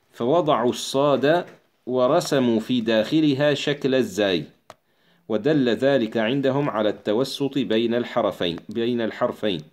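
A man reading a classical text aloud and explaining it as a teacher, measured and unhurried, with pauses and filler sounds. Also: mid-range voice, a little mellow.

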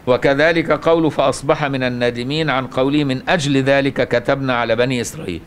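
A man's voice: mid-range voice, steady tone, fast talker. A man with an Egyptian Arabic accent giving a religious lesson on the Quran, often asking rhetorical questions and answering them himself. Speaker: Quran teacher.

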